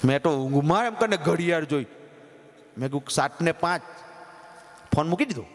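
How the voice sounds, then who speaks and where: A man's voice: fairly high pitch, lively intonation, fairly quick, a little hiss or hum. A man, a comedian telling folksy jokes to a live audience and acting out the people in them. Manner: folksy joke-telling, acting out phone calls and children in changed voices. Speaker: stand-up comedian at a folk stage show. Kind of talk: live comic storytelling to an audience. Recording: live stage sound with long hall reverb and faint music.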